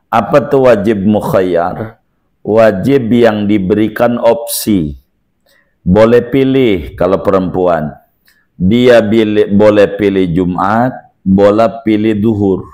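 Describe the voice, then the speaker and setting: A low-voiced man preaches to his congregation, joking freely and repeating his points in casual slang. His lecture runs loose and conversational, with his pitch jumping sharply on the words he wants to stress. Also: a little mellow. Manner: jokey, uses Betawi slang and repeats phrases.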